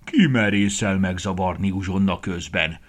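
A man voicing a big, grumpy old male bear in a children's story, speaking in a booming, gruff way. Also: big pitch swings, a bit bright, exaggerated voice.

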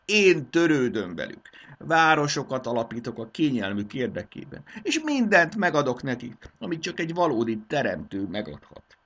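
A man voicing an anguished, fussy king who wails in a high, theatrical voice in a storybook reading. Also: sing-song, fairly bright tone. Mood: exultant. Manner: high-pitched, wailing, theatrical.

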